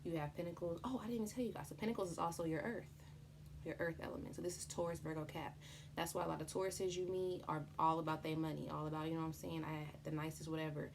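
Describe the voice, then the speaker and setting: A woman's voice: low-pitched, steady tone, fast, creaky, noisy background. A woman giving an unscripted tarot explainer in a chatty, informal way, with slang and free swearing. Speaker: tarot reader presenting a tutorial.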